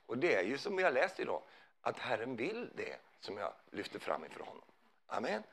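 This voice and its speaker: Guy preaching, gravelly voice, goes up and down a lot, chatty with the crowd. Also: medium pitch, huge pitch swings, a bit bright. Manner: conversational, asks listeners questions. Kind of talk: sermon.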